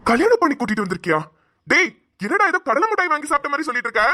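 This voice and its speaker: A woman voicing an angry middle-aged father in a cartoon, who shouts and mocks. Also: sits high, big pitch swings, very fast, heavily acted. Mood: scolding. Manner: shouting, scolding, mocking. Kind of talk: cartoon voice acting.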